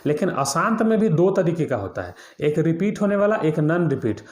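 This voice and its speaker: A man explains a maths lesson, repeating key points and quizzing his students as he goes. His voice sits a little high. The room around him is echoey. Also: big pitch swings, normal speed, darkish tone. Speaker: maths teacher.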